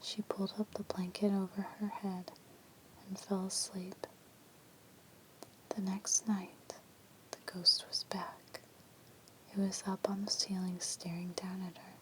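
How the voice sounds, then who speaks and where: A woman reading creepy legends as an ASMR storyteller in a hushed, breathy whisper. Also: mid-range voice, level tone, slow, pauses often, slight background noise, rough recording.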